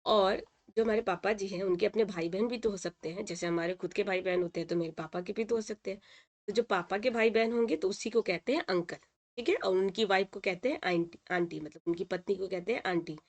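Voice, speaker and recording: A woman teacher talks through a lesson at an even, medium pitch. She repeats each word slowly and checks in often with short confirmations. Her manner is patient and steady. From India. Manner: patient, repeats words and says "ठीक है" often. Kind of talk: explaining a textbook lesson in Hindi.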